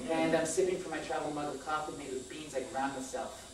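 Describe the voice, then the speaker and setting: A woman in her thirties reads a scripted personal story aloud on a small theater stage, her voice low-pitched, darkish, steady, and a little fast. A far camera microphone captures it as an echoey, distant stage recording with faint noise.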